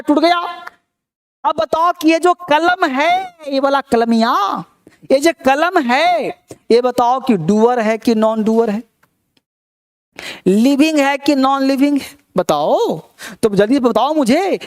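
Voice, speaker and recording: A man's voice: extremely high pitch, a little mellow, clear, resonant tone. A man teaching English grammar in a live online class, reassuring his students, repeating his points and quizzing them.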